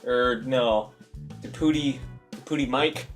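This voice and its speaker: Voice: mid-range voice, unhurried, soft background music, lightly acted. A game player voicing a blunt, mock-stern middle-aged male police chief in their own plain voice during a let's play. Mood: matter-of-fact.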